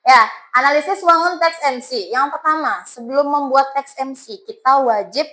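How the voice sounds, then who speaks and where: Bright, high-voiced Balinese woman teacher. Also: normal speed, low-quality recording. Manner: coaxing, asks students questions. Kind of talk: classroom teaching.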